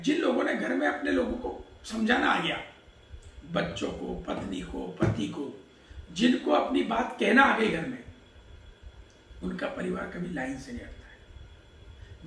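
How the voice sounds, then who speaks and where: A man's voice: high voice, creaky, pushed and bright. Echoey, distant man giving a Vedic talk. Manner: explanatory, asks and answers his own questions; recites Sanskrit verses then explains them. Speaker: Vedic discourse speaker. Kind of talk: Hindi religious discourse. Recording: echoey room, distant mic.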